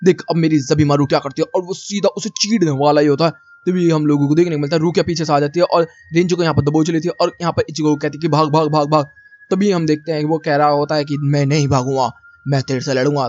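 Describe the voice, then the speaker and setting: A man's voice: fairly high pitch, steady tone, fast, a little mellow, slight background noise. A man giving a chatty, slangy recap of an anime, talking to viewers like friends. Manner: chatty, addresses viewers as brother, slangy asides. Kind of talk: casual spoken recap narration. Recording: dull lo-fi recording.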